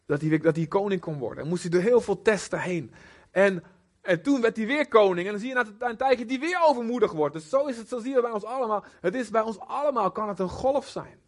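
Husky, high-voiced male preacher. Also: fast. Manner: conversational and animated, with many fillers. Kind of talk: informal sermon.

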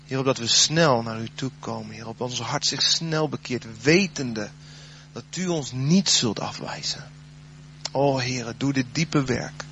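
A man preaching a sermon, then leading a spoken prayer, his voice swelling loud and dropping soft. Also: mid-range voice, a little slow, dull audio, slight background noise.

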